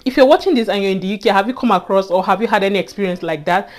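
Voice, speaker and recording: A young Nigerian woman vlogger with a Nigerian accent and a medium-pitched voice races through a personal story to camera. She tells it earnestly and casually, often repeating herself and slipping in "you know."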